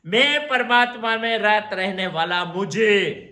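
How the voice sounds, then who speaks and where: Man, spiritual teacher, slow and emphatic, bright lively voice, echoey room. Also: high voice. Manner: slow, emphatic, repeats phrases and chants Sanskrit verses. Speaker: Upanishad teacher. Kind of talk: spiritual discourse.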